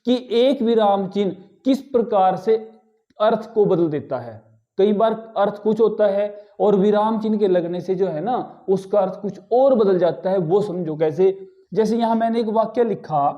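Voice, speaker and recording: A man's voice: high voice, a little slow, lo-fi sound. A man teaching a grammar lesson, explaining step by step and often checking in with his class. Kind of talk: classroom lecture.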